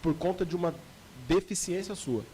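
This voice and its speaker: A young adult man with a Brazilian Portuguese accent, hosting a podcast, relaxed and chatty with his guest. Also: high voice, normal speed, slight background noise. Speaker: podcast host. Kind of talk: casual interview talk.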